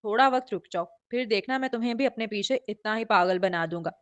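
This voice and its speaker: A woman's voice: medium pitch, fast talker, natural voice. A woman reading the lines of a stubborn, demanding young man who is the hero of a romance novel. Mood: teasing. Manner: demanding and insistent.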